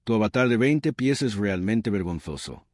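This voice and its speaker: A teasing senior male disciple in a storybook recap, a bit higher and livelier, dry close sound, as a man reading puts him on. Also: expressive, moderate pace, darkish tone, no room sound, natural voice.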